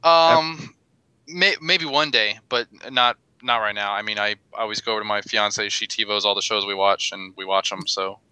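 A man's voice: lowish voice, normal speed, bright, forceful tone, smooth, dry recording, poor audio. A man chatting on a gaming podcast in a wry, teasing way. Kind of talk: casual podcast chat.

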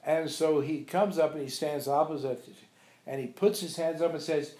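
A fairly high, dark voice with a steady tone and normal speed belongs to an older monk and abbot. He informally recalls his teacher through anecdotes for a small group, animatedly acting out quoted dialogue, in an echoey room with a few visitors.

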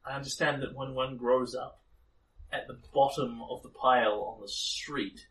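A man's voice: mid-range voice, fairly even intonation, a bit bright, lightly acted. Man playing a haughty, condescending noblewoman, distant mic. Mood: scornful. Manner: formal, condescending, measured delivery. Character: haughty noblewoman, disdainful, proud of her lineage. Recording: distant mic, faint room noise.

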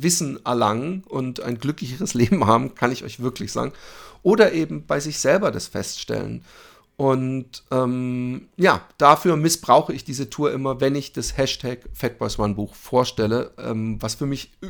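A man's voice: medium pitch, vocal fry. A man hosting a solo podcast, talking candidly and openly about his feelings, with many fillers, hesitations and restarts. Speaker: podcast host.

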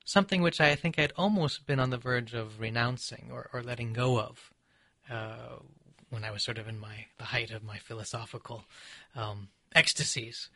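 A man from Seattle, an author and poet being interviewed, who speaks in a measured, reflective way with frequent pauses and ums. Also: medium pitch, steady tone, pushed and bright, dry recording. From Seattle, USA. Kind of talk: thoughtful conversational interview.

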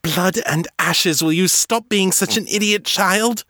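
A man voicing a strong, composed female vampire who speaks briskly and with assurance. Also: lowish voice, expressive, breathy edge, no echo, studio quality. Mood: exasperated.

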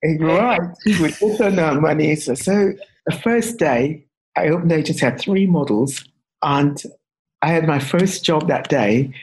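A man from England, a podcast guest, telling a story with animated, acted-out quotes. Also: fairly high pitch, unhurried, breathy edge, low-quality recording. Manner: animated, acts out quoted voices. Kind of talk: storytelling in a casual interview.

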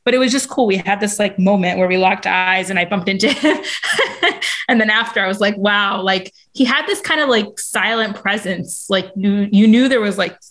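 Woman, podcast guest, casual chat, meandering storyteller, mid-pitched voice. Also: normal speed, fairly bright tone.

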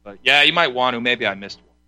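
A man co-hosting a talk show, chatting casually with halting starts, repeated words and jokes. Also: mid-range voice, crowd noise, poor audio. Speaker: show host.

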